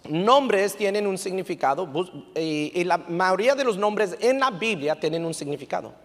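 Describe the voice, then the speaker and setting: A man preaching a sermon as pastor, telling stories in an animated way and sprinkling English fillers into his talk. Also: sits high, moderate pace. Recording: long reverb of a church hall.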